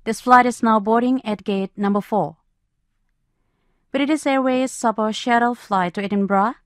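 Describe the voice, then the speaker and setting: A woman's voice: medium pitch, dry recording, lightly acted. Woman acting as formal airport announcer, dry sound. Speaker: airport announcer in listening exercise.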